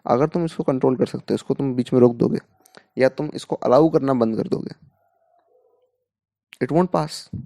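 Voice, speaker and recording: A man's voice: mid-range voice, normal speed, vocal fry, pauses often, dark tone, dry recording, studio quality. A man coaching students in a talk, asking rhetorical questions and mixing in English words. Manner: explains with rhetorical questions, Hindi mixed with English terms. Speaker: mentor to exam students.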